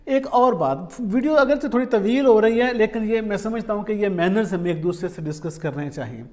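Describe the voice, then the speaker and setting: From a desk in a quiet little room, a man in his forties with a Pakistani accent, a vlogger, journalist and columnist, delivers informal, explanatory advice to camera, mixing in English words. He speaks fairly quickly in a high-pitched, darkish voice with lively intonation.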